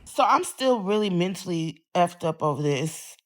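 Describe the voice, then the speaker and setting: A woman's voice: on the low side, lively intonation, normal speed. A woman ranting defiantly to camera, swearing often and making threats. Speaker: social media poster. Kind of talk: angry rant to camera.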